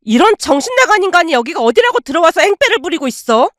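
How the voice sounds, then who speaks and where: Casting: woman voicing a fierce aunt, high and fast, tearing into her brother in a radio story. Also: expressive, no echo, clean studio sound. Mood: furious. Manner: loud, fast, scolding tirades. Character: fierce, furious middle-aged aunt, sharp-tongued.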